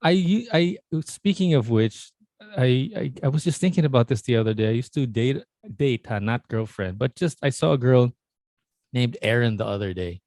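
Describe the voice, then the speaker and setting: A man's voice: mid-range voice, normal speed, a little mellow, no echo, studio quality. A middle-aged Filipino-American man hosting a casual podcast chat, wondering aloud and restarting his sentences. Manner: wondering, restarts sentences, mimics others in quotes. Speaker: podcast host.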